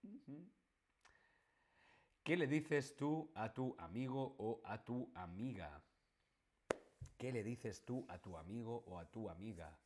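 A man, teaching a live online language lesson and slowly repeating phrases for learners. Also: on the low side, expressive, darkish tone, slight background noise. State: sore throat, coughing.

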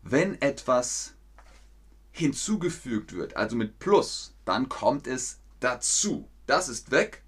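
Leading an online German class, a medium-pitched man enunciates slowly and carefully. His delivery is lively as he repeats vocabulary and quizzes the people watching.

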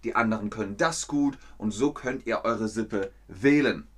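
A man teaching German to learners, speaking slowly and clearly and repeating words. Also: lowish voice, fairly bright tone. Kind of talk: teaching German to learners via a live stream.

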